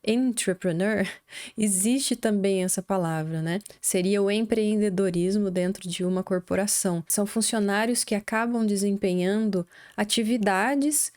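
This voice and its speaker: A young adult woman with a Brazilian Portuguese accent, teaching an online English lesson in Portuguese and slowly sounding out English words syllable by syllable. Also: mid-range voice, darkish tone.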